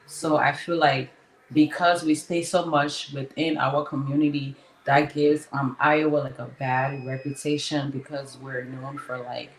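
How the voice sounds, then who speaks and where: A woman from Liberia, answering interview questions in a measured way, often pausing with um and like. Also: extremely low pitch, little pitch movement. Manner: measured, fills pauses with um and like. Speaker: interview guest. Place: studio. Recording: roomy studio with faint ambience.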